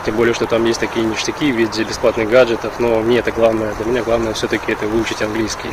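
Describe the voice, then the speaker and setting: A man from Russia, chatting in a halting, reflective way in a casual vlog recorded outdoors with wind on the mic. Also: on the low side, monotone. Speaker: vlogger. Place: outdoors in a park. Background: wind and outdoor ambience.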